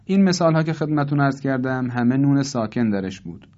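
Man teaching Quran recitation rules, deliberate. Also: medium pitch, animated, a little mellow, muffled recording. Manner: slow, deliberate, repeats each example slowly. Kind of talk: tajweed lesson with recited examples.

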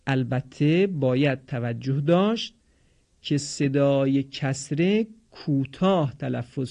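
A man teaching Quran recitation in a pronunciation lesson, explaining patiently and sounding out model words slowly for listeners to repeat. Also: a little high, darkish tone.

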